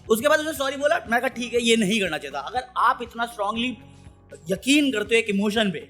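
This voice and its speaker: A man's voice: extremely high pitch, fairly bright tone. A man giving blunt, heated, sarcastic commentary on a reality show. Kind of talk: ranting commentary.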